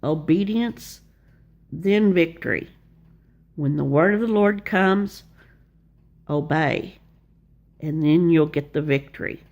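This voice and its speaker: A woman's voice: low voice, slow, long pauses, darkish tone. An older woman, giving a homespun devotional sermon and telling personal stories in an earnest way. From Arkansas, US. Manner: earnest, homespun storytelling with repeated refrains. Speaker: Bible teacher.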